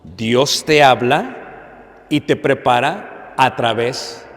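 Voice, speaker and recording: A man preaching a sermon to a congregation, with dramatic pauses, loud emphasis and questions to the listeners. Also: medium pitch, lively intonation, soft background music. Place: church hall. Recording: long hall reverb.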